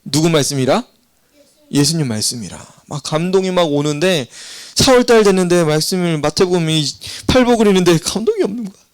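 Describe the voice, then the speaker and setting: A middle-aged male pastor preaching a lively sermon to children, asking the congregation questions and having them repeat after him. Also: on the high side, a little fast. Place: church hall.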